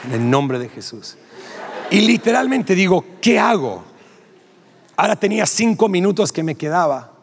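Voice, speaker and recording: High, gravelly Rioplatense preacher in a big hall. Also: male voice, moderate pace, a faint crowd, a little hiss or hum. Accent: Rioplatense Spanish. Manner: animated storyteller acting out dialogue, laughing. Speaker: pastor. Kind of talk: sermon with storytelling. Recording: long hall reverb.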